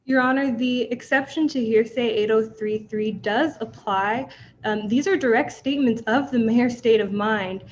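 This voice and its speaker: A young woman works as trial advocate, questioning a witness and addressing the bench in a formal, measured manner. Her voice is fairly high, and the courtroom recording has cut-off highs and slight background noise.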